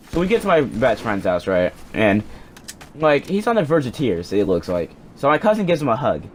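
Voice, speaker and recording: A man's voice: fairly low pitch, slight background noise. Rambling, profane young man telling a story. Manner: rambling, profane, self-interrupting. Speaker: storyteller vlogger. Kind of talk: casual storytelling. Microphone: cheap home microphone.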